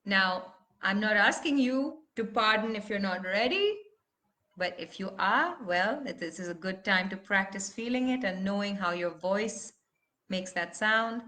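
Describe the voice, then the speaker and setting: Bright-voiced woman teaching voice slowly. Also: medium pitch, lively intonation. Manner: guiding slowly, breaking into emotive vocal sounds. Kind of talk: live online voice workshop.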